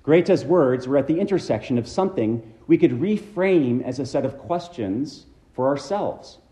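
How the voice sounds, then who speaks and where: A man preaching a measured, reflective sermon as a minister, his phrases trailing off low at the ends. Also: lively intonation, warm tone, reverberant.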